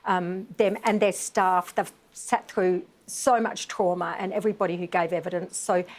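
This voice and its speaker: Speaking at normal speed in a steady tone, this woman has a fairly low pitch. She is a middle-aged bereaved mother advocating for veterans, impassioned and emphatic on live TV, using plenty of fillers.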